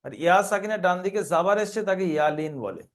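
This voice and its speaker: A man teaching an online Quran reading lesson in a Kolkata Bengali accent, patiently spelling out letter sounds. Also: sits high. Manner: patient, slow when drilling letter sounds.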